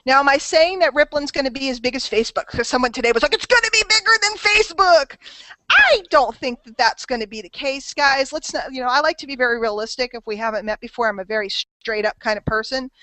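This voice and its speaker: A woman's voice: a little high, fairly even intonation, quick pace, few pauses, fairly bright tone, no room sound, low-quality recording. A woman hosting a casual group call, chatty, teasing and persuasive. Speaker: host of a marketing call.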